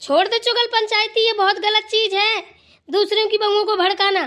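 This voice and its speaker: A woman's voice: high-pitched, normal speed, close to an everyday voice. A woman voicing a stern old grandmother. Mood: scolding. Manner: scolding, then lecturing with advice. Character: stern wise old grandmother, scolding and preachy. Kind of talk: cartoon voice acting.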